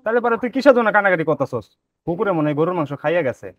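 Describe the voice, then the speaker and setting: A man playing a quick-tempered, demanding village husband. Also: sits high, expressive, dry recording, muffled recording. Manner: blustering, demanding.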